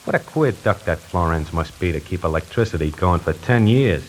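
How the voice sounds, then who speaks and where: Low-pitched and expressive at a normal pace, a man plays the brash, fast-talking salesman who narrates and leads this 1940s radio drama, trading in wisecracks and easy conversation. The rough recording carries a little hiss or hum, and a music score plays underneath.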